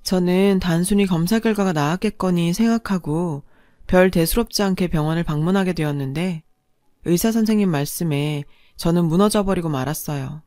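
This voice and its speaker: A woman's voice: on the low side, normal speed, dark tone, no room sound, studio quality. A middle-aged woman narrating her own family story in a confessional, emotional way.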